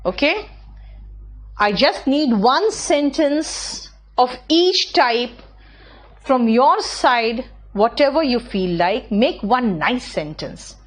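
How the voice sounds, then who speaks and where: A woman with an Indian accent teaching an English class online, reading students' sentences slowly and correcting them patiently, with fast asides in between. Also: on the high side, big pitch swings. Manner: slow, drawn-out reading of English sentences, quick in Hindi asides.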